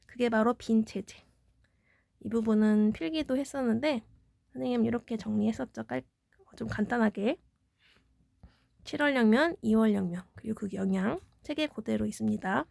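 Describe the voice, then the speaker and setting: Female teacher, slightly high voice, walks students through exam material with rhetorical questions. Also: normal speed, creaky, long pauses, darkish tone, no echo, studio quality. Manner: explanatory, poses questions then answers them. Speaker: middle school history teacher. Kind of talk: exam review lecture.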